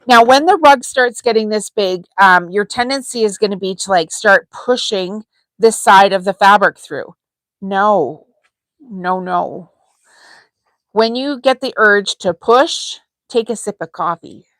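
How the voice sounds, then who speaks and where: A woman's voice: mid-range voice, measured pace, dry recording, low-quality recording. Chatty woman teaching sewing live. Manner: chatty, relaxed, frequent ums. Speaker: sewing channel host. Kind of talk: live crafting tutorial.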